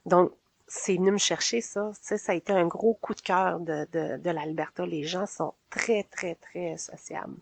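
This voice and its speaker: This woman's lowish, creaky voice holds a steady tone and moderate pace. In her forties and from Quebec, she speaks with a Québécois French accent, telling her own story casually and sociably in an interview with frequent laughter between phrases.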